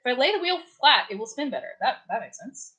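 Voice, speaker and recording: A woman's voice: fairly high pitch, sing-song, fast talker, sharp tone, poor audio. A young adult woman hosting a casual live stream from her apartment, chatting in a rambling way with many fillers and restarts. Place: warm apartment.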